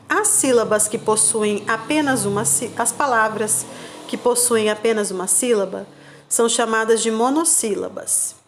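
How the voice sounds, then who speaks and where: A woman teacher, giving patient, slow remote-class instructions to young children and spelling out syllables. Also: on the high side. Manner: checks in with "tá bom?" and "combinado?". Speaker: primary school teacher.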